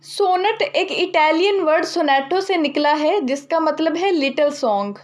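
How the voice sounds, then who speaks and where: A young woman teaching literature in a steady lecture, explaining each term twice in simpler words. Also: high voice, measured pace.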